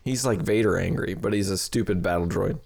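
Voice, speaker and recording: A man's voice: deep voice, fairly quick, gravelly, a little mellow, breathy edge. A man co-hosting a podcast in casual banter, teasing and laughing easily. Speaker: podcast co-host.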